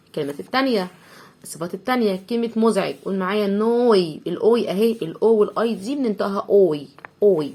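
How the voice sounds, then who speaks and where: A woman's voice: medium pitch, darkish tone. A woman with an Egyptian Arabic accent teaching English vocabulary to young pupils, sounding words out letter by letter and repeating each one several times.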